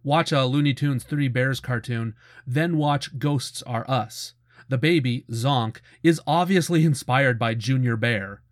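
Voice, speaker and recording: A medium-pitched male voice belongs to the middle-aged host of a cartoon retrospective, who shares informal, informative commentary with enthusiastic fan energy. It's a close, dry, studio-quality voice-over with no echo.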